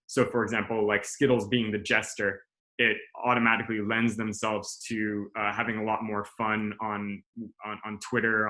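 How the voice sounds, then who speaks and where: A man in his thirties talks through a class presentation in a relaxed, unpolished way. His voice sits low but rings bright and forward. He restarts often and swears easily. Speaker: strategy director presenting a class. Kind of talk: casual presentation over video call.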